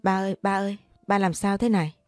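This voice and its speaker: A woman's voice: mid-range voice, little pitch movement, fast talker, a little mellow, no echo, studio quality, soft background music, natural voice. A woman voicing a frightened thirteen-year-old girl who pleads through sobs. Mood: panicked. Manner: sobbing pleas.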